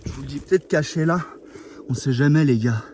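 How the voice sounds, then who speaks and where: A man with a fairly high voice chats casually to his camera as an outdoor vlogger. He jokes and swears freely in slangy speech. The recording is clearly noisy, made out in the open. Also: brisk. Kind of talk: casual outdoor vlog chat. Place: outdoors on a mountainside.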